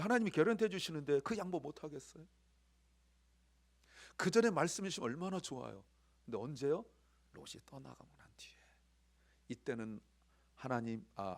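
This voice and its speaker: A man preaching a sermon as pastor, animated, swinging from loud emphasis to near whispers. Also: mid-range voice, gravelly. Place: church sanctuary.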